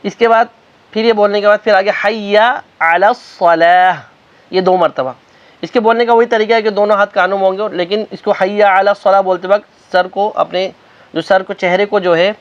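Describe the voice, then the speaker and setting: A man with a high voice teaches the call to prayer. He alternates quick spoken explanation with slow, drawn-out chanted demonstrations. The recording sounds dull and lo-fi. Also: fairly even intonation. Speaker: religious teacher. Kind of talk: recitation lesson.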